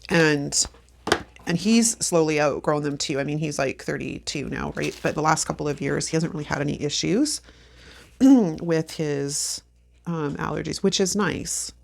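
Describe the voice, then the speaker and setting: Her voice sits low and creaky, a little slow. A woman in her fifties with allergy sniffles decorates a planner on camera, chatting casually with viewers, talking to herself and frequently laughing, in a plan-with-me vlog.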